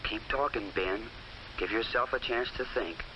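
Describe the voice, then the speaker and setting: A man playing a lonely, insecure high school boy thinking anxiously aloud in an old educational film. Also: moderate pace, a crowd in the background, natural voice. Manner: anxious, self-doubting. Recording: muffled old film soundtrack.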